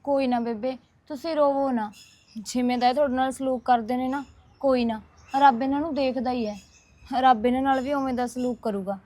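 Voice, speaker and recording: A caring young neighbour, played by a woman, soothing and reassuring. Her voice is high-pitched. She speaks in a short village drama. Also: fairly even intonation, fairly quick, mellow.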